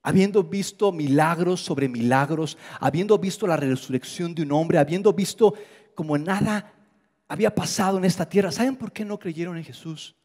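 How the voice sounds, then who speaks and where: High-voiced preacher in a reverberant hall. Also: male voice, moderate pace. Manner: animated, acts out quoted voices, drops low for emphasis. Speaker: pastor. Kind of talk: sermon.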